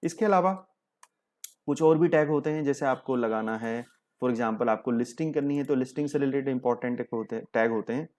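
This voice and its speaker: A man's voice: mid-range voice, brisk, a little mellow. A young man, teaching a coding lesson step by step and mixing English terms into his Hindi. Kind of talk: screen-share coding tutorial.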